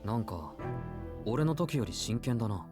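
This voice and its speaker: A puzzled but calm young man from a visual novel. His delivery is understated and very quick, with soft music underneath. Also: fairly low pitch. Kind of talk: Japanese visual novel voice acting.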